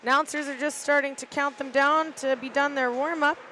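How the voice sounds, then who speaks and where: A middle-aged woman giving casual, halting live play-by-play commentary from an arena balcony, with lots of "uh" fillers. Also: high-pitched, steady tone, pushed and bright, a little hiss or hum, low-quality recording. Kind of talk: live amateur sports commentary. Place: arena balcony above the rink.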